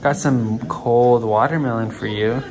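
A woman's voice: a bass voice, measured pace, crowd noise. A young woman chatting playfully on a casual family vlog, often talking to a small child. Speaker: family vlogger.

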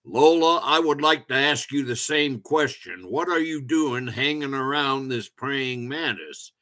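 A man's voice: mid-range voice, lively intonation, a little slow, bright, forceful tone. A man voicing a disapproving mother ladybug in a storybook reading, speaking in a scolding tone.

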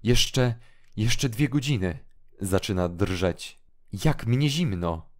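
A man's voice: fairly low pitch, lively intonation, slow. A man reading an audiobook drama, voicing an anguished young hermit who talks in a mournful, agitated way. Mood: feverish. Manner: mournful, rising into agitated outbursts. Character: anguished young male hermit, feverish and brooding.

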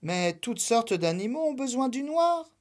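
A woman voicing a gentle, patient female spirit of the Night, soft and coaxing. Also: on the high side, very animated, measured pace, voice pushed up. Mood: explaining.

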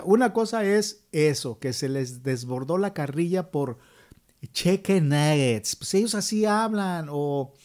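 A man's voice: a little high, darkish tone. A middle-aged Mexican man with a Mexican accent, giving an opinion monologue and asking the viewers rhetorical questions. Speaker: channel host.

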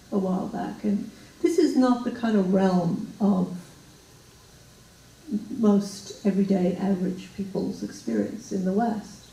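An older woman from Ethiopia, a guest talking in a measured, reflective way with hesitations into a handheld mic on a small stage. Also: medium pitch, warm tone, distant mic. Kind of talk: interview conversation. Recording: roomy hall sound from afar.

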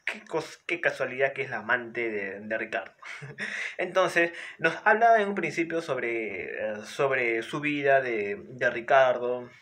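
A man talks through a book in a loose, conversational way. His voice is bright and forceful, and he keeps pausing on filler words and restarting his sentences. He sounds close to the microphone. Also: medium pitch, animated. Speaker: book reviewer. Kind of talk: casual spoken book analysis.

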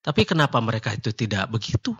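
A man calmly explaining religious teachings in a casual radio discussion, laughing now and then. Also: fairly low pitch, quick pace, slightly rough. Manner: calm, explaining, laughs easily, mixes in local words. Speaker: martial arts teacher answering questions. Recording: dull lo-fi online radio sound.

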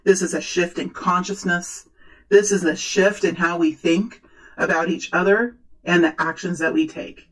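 A woman speaking as a fortune teller, improvising a tarot reading in earnest, halting, repeated short phrases. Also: on the low side, steady tone, rough recording. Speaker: tarot reader, host.

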